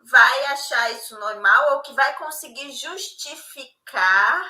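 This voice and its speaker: Woman, 30s, reflective conversational daughter; high, very bright voice, roomy echo. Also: takes it slowly. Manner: reflective, filler-heavy with frequent "né?". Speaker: daughter, co-host. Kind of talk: casual conversation.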